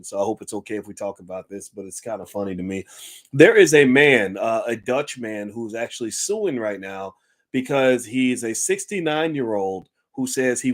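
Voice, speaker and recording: A man hosting his own channel, talking casually to viewers, chatty and amused, with many restarts and questions to the audience. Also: mid-range voice. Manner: chatty, laughing, lots of restarts and asides to viewers. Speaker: channel host. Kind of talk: casual talk-show commentary.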